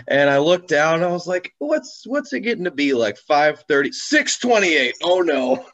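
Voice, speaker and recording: A car enthusiast and YouTuber, appearing as a guest on a video call, tells casual, rambling anecdotes with self-deprecating humor. His fairly high voice is unhurried and fairly bright, with big pitch swings. The call audio is slightly dull.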